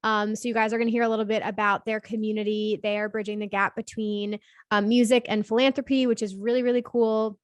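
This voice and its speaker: A woman's voice: mid-range voice, flat delivery, quick pace, dry recording. Bubbly, upbeat woman podcast host. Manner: bubbly, enthusiastic, many fillers. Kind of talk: casual interview chat.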